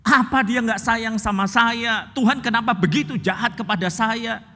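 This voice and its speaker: A man's voice: extremely high pitch, normal speed, pushed and bright, long reverb tail, pitched above the performer's own voice. A male preacher voicing a distraught young woman who pleads and demands answers, in a lifted, pressing voice. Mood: distraught pleading. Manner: pleading, accusing, insistent.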